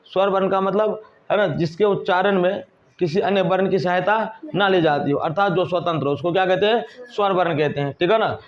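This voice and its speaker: A man's voice: high-pitched, fairly quick. A man teaching a whiteboard grammar lesson, asking the class questions and answering them himself. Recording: dull lo-fi recording.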